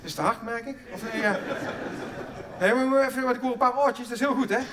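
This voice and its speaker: A middle-aged man doing a stand-up comedy routine on a theatre stage, stammering through restarts and breaking into loud bursts of mock outrage. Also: extremely high pitch, brisk, distant mic, a crowd in the background.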